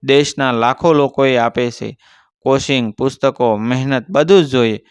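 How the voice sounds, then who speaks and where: Kind village teacher, patient and instructive, smooth tone; voiced by the male narrator. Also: medium pitch, a little slow, no echo, lightly acted. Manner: patient, explaining. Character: kindly older male village schoolteacher.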